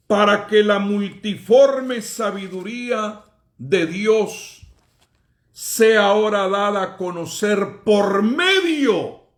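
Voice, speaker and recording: Emphatic preaching man, slow and echoey. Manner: emphatic preaching, rising and falling in pitch and volume. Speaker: pastor. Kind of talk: sermon.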